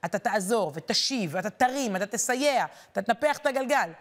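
Woman teaching a lively Torah lesson. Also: fairly high pitch. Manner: lively, rhetorical, quotes verses with emphasis. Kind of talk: weekly Torah portion lesson.

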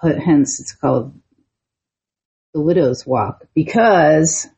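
Raspy low woman podcast co-host. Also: slow pace, warm tone. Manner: chatty, explains lore, backchannels a lot. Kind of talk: casual storytelling chat. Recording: muffled lo-fi podcast audio.

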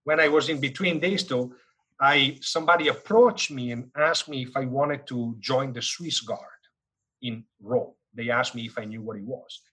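Bright, husky Italian-accented man. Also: medium pitch, moderate pace, poor audio. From northern Italy. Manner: animated, jokey storyteller with frequent fillers. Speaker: guest, business school dean. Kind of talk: casual interview storytelling.

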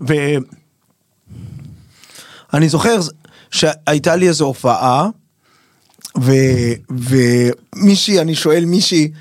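A middle-aged man, a stand-up comedian, tells stories in a casual interview. His voice sits high and swoops widely as he acts out the people in his anecdotes. The sound is close and dry. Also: pauses often, dry recording. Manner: animated storyteller, jumps into high voices for quoted people. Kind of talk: casual chat, acting out stage anecdotes.

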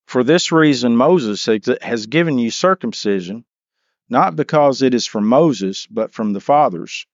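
A man's voice: mid-range voice, lively intonation, unhurried, no echo. Man teaching a church bible class, reads scripture then explains, restarts a lot, dry muffled recording. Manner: asks the class questions.

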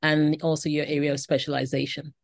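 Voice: mid-range voice, level tone, fairly quick, gravelly, no echo. An upbeat, welcoming podcast host reads a scripted guest introduction and asks interview questions. The sound is dry and close, and the voice sits mid-range.

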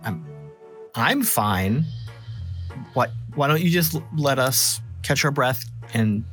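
Male tabletop player, easygoing, very lively intonation. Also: medium pitch, takes it slowly, faint music behind. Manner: easygoing, short replies. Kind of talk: casual chat, role-playing his character.

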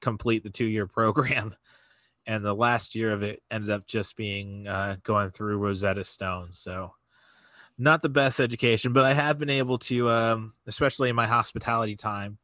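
A man chatting casually on a podcast, talking haltingly with many fillers and restarts. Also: on the low side, fairly even intonation, bright, forceful tone, no echo.

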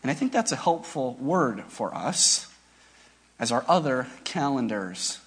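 Pastor, male, husky tone, lively pitch, unhurried conversational sermon delivery. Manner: conversational, reflective preaching with rhetorical questions.

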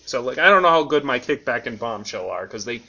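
Bright-voiced man in casual fan chat. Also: medium pitch, animated, brisk, gravelly. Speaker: podcast co-host. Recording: dull lo-fi audio.

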